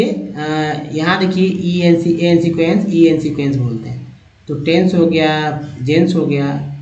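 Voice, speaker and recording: A man teaching an English spelling and pronunciation lesson, addressing viewers as friends and drilling words slowly, repeating each part. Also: fairly high pitch, a little mellow. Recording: roomy, slightly dull sound.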